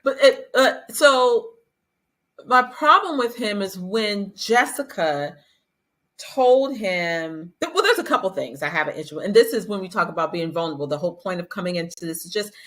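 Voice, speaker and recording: A woman hosts a casual podcast chat with a bright, forceful voice. She talks animatedly and often jumps her voice up to act out what people said. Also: mid-range voice, moderate pace. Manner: animated, acts out quotes in a raised voice. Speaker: podcast host. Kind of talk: casual chat about a reality show.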